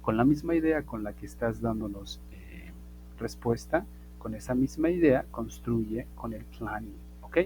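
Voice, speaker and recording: A man teaching a basic English class online, repeating points emphatically, asking "ok?" often and modeling English phrases slowly. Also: mid-range voice, dark tone, soft background music, low-quality recording. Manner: repetitive, emphatic, checks understanding with "ok?".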